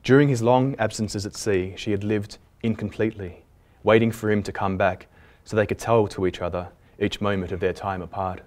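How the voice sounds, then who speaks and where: Low-voiced man reading literary fiction aloud. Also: steady tone, moderate pace, darkish tone. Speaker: author reading his own fiction. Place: public library event.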